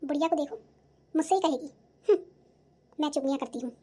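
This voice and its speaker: A woman voicing a sharp-tongued young daughter-in-law in a cartoon, answering back defensively. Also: high-pitched, quick pace, lightly acted. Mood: defiant. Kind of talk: cartoon voice acting.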